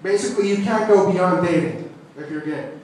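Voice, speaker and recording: A man's voice: high voice, a little fast, darkish tone. Nervous young man doing stand-up, very echoey. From California. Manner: nervous, stage fright, hesitant starts. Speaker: amateur stand-up comedian. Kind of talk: stand-up comedy at an open mic. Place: small comedy club room with seated audience. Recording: echoey club room, distant phone recording.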